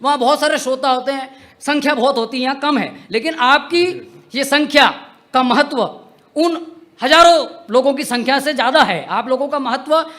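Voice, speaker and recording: Into a microphone in an outdoor stage tent at a poetry gathering, a young adult comedic poet performs in a very high-pitched, slightly bright voice at a moderate pace. He playfully teases and jokes with the audience.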